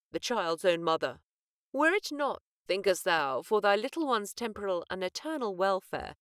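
A woman's voice: medium pitch, fairly bright tone, dry recording, studio quality, pitched above the performer's own voice. Stern, commanding male magistrate, played by a woman narrator. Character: stern male colonial governor, authoritative.

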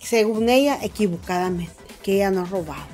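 A woman's voice: medium pitch, lively intonation, fairly quick, a little mellow, faint music behind. A woman hosting celebrity gossip commentary, telling the story in a dramatic, mocking way and calling her viewers family.

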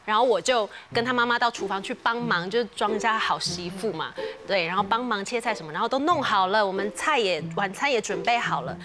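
A woman's voice: medium pitch, brisk, hardly any pauses. A woman from Taiwan, a guest telling a personal story vividly on a TV variety show. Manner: vivid storytelling, acting out quoted voices. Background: background music.

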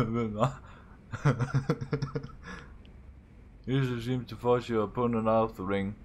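A man's voice: mid-range voice, steady tone, slight background noise. A young man streaming a game live, reading dialogue aloud, swearing and laughing as he plays. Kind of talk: casual live game commentary.

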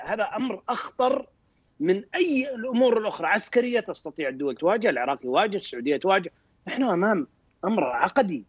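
A man giving military commentary on a talk show, hesitant with many restarts and throat clearing. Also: sits high, no room sound. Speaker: military expert guest. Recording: dull dry remote link.

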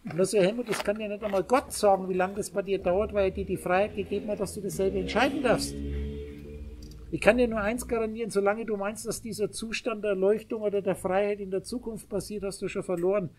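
A man's voice: sits high, steady tone, quick pace, a little mellow, a little hiss or hum. A man giving a spiritual lecture to a small group, speaking emphatically and addressing his listeners directly. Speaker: spiritual teacher.

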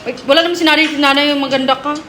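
Woman vlogger, high voice, playful teasing chatter, noisy phone recording. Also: steady tone, racing. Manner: playful, teasing, laughs often. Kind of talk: casual teasing house-tour chat.

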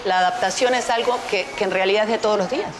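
In a casual TV studio chat before a stone backdrop, a woman from Uruguay in her fifties speaks quickly in a mid-range voice with a Uruguayan Spanish accent. Picked up by her lapel mic over crowd sounds, she comes across as lively and animated, laughing easily and using her hands as she talks.

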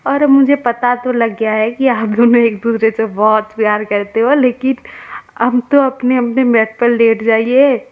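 A woman's voice: fairly high pitch, fairly even intonation, a little slow, close to an everyday voice. A woman voicing a firm hospital nurse scolding two patients. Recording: tinny phone-like audio.

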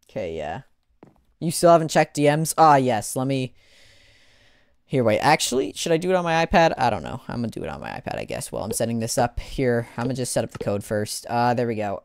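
A man casually commentating a live gaming stream, excitable, exclaiming and laughing as he plays. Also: mid-range voice, creaky, smooth, dry recording, studio quality. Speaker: gaming livestreamer.

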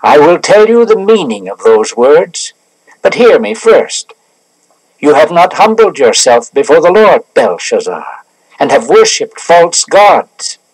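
An actor playing a solemn, unafraid prophet on a storybook record, pronouncing gravely. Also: male voice, fairly high pitch, sing-song, measured pace, no echo, heavily acted, low-quality recording. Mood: stern. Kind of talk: 1970s storybook record drama.

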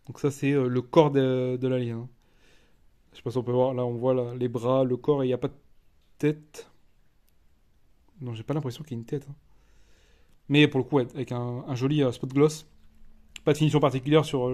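A man with a French accent giving a casual unboxing commentary as a collector, chatty and halting, with many fillers and restarts. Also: medium pitch, warm tone. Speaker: collector reviewing a disc edition.

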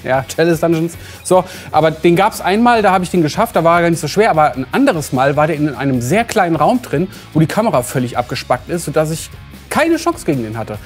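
A man's voice: fairly high pitch, very animated, brisk, faint music behind. A man telling a casual anecdote, hesitant and searching for words. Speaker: games show regular.

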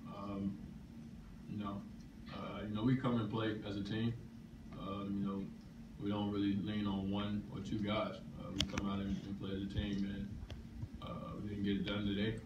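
A young man, a college basketball player, answering post-game questions in a low-key, halting way at a press table. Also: completely flat delivery, lo-fi sound. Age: young adult. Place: press room, seated at a table. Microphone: table microphone. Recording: echoey room, distant mic, loud noise.

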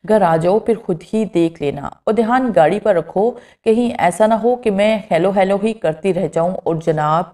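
A woman's voice: mid-range voice, few pauses, dark tone, natural voice. A woman reading the lines of an affectionate, playful young woman in love, in a storybook reading. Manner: affectionate, teasing.

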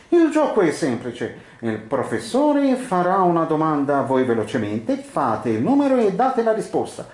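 A man playing an excitable radio DJ in a comedy sketch, with showy game show patter. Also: on the high side, roomy sound. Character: showy, excitable male radio DJ plugging a prize contest.

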